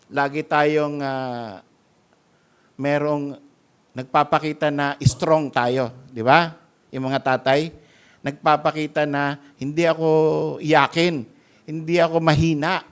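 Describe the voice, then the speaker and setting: A man from the Philippines, preaching a church sermon with emphatic swings in loudness. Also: a little high, smooth. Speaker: pastor. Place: church sanctuary.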